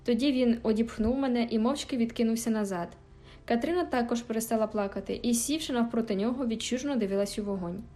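A woman narrating a novel aloud in a measured, expressive storytelling manner. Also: fairly high pitch. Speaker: audiobook narrator. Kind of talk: scripted literary narration. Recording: faint background music.

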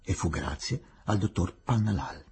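A man reading a novel aloud in a theatrical, expressive way with a husky voice. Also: fairly low pitch, moderate pace, loud music behind the voice. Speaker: audiobook reader. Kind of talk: dramatic literary reading.

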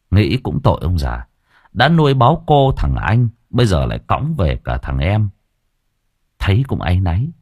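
A man narrating an audiobook in an earthy, colloquial and expressive storytelling style. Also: low-pitched, dry recording, clean studio sound.

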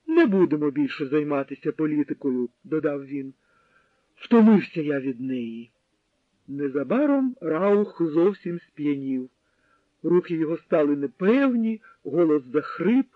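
A man narrates a novel in a steady, dramatic reading voice that sits a little high. The sound is narrow and phone-like, close and dry with no room. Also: dry recording. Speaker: audiobook narrator. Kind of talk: scripted narration.

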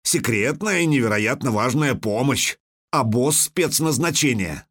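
A man voicing a gruff, sarcastic dwarf. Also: medium pitch, animated, measured pace, a bit bright. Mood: bitter. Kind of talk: audiobook character voice.

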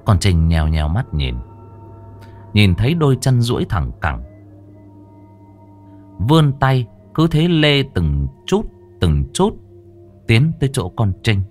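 A male storyteller reads a scripted ghost story, drawing out the dread. His voice is very deep yet highly animated in melody, with faint music playing beneath. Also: takes it slowly, long pauses. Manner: dramatic, lingering storytelling. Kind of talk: scripted horror narration.

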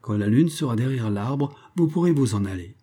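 A frightened young baroness pleads and commands in a high, insistent voice, as a man reads her lines. The tone underneath stays dark and husky, like an audiobook reading of a period story. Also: animated, moderate pace. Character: frightened young noblewoman, baroness, bossy in panic.

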